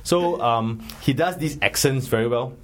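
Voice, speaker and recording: A Singaporean-accented man with a mid-range voice and normal pace hosts a podcast, chatting casually about films. His style is jokey, rambling, and colloquial.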